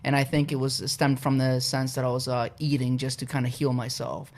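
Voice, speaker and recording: A young adult man from Poland, a podcast guest talking through his personal story in a relaxed, casual way, with frequent "uh" and "you know". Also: medium pitch, brisk.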